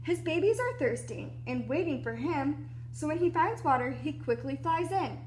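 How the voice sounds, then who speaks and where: In a low-quality recording with a little hiss or hum, a high-pitched woman reads a picture book aloud at normal speed. She is animated and explanatory like a preschool teacher, with asides aimed at young listeners.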